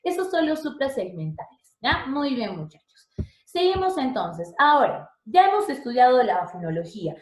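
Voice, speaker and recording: A woman's voice: high-pitched, very animated, normal speed. Chatty woman teaching, roomy echo. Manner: chatty, checks in with students often. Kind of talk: online language lesson.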